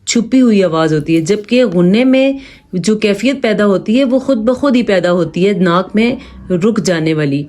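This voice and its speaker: A woman with a Pakistani Urdu accent teaching tajweed, explaining rules patiently and reciting verses slowly to demonstrate. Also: mid-range voice, animated, darkish tone. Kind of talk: step-by-step tajweed lesson with slow recitation examples.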